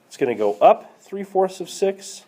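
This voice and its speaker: Man, math teacher, classroom lecture, lively pitch, occasional cough, asks students questions. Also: normal speed. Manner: coughing now and then, apologetic. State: coughing, slightly hoarse. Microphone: tablet screencast mic.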